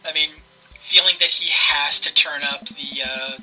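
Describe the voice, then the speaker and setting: A man's voice: a little high, steady tone, slow, bright, forceful tone, low-quality recording. A man hosting a let's play, casually commentating and reading game narration aloud.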